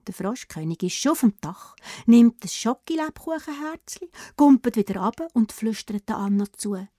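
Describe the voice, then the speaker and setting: Hushed Swiss German storyteller woman. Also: on the high side, lively intonation, moderate pace, dry recording, clean studio sound. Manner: often whispered, hushed and playful. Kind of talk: children's story narration.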